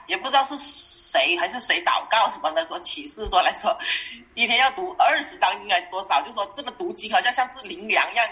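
Fast-talking woman questioner, earnest and rambling, bright tone. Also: mid-range voice.

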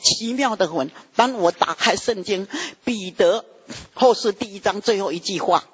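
A man preaching an emotional testimony sermon, his pitch jumping high as he tells it. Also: moderate pace, a bit bright, breathy edge. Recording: dull lo-fi recording.

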